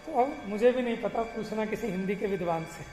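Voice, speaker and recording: A man teaching a religious class, explaining patiently, asking rhetorical questions and chanting verses slowly. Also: high voice, a little mellow, reverberant, long reverb tail, soft background music. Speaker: scripture teacher.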